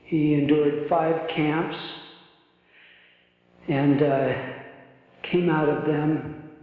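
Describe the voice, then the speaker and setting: A middle-aged man giving a formal, measured introduction at a podium in a large auditorium. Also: fairly high pitch, fairly even intonation. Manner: measured, self-deprecating asides. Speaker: event host introducing speaker. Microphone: podium mic, far camera. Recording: echoey hall, lo-fi camcorder sound.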